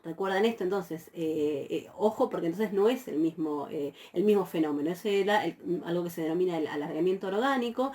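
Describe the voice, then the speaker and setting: Patient woman lecturing, mellow low voice. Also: fairly quick, hardly any pauses. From Argentina. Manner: patient, explanatory, many "eh" fillers and checks like "¿sí?". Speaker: university Greek teacher. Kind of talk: recorded lecture.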